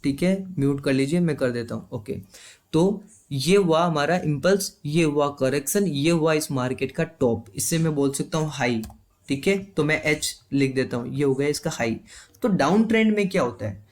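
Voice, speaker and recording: A man's voice: fairly high pitch, moderate pace. A man teaching a live online trading class. He explains step by step and keeps checking with his students.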